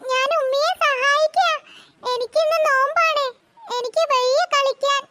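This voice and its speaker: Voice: fairly even intonation, measured pace, full character voice. A performer voicing a young cartoon boy, tired and reluctant, whining about helping. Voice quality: very high-pitched. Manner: whiny, reluctant. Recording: loud background hiss.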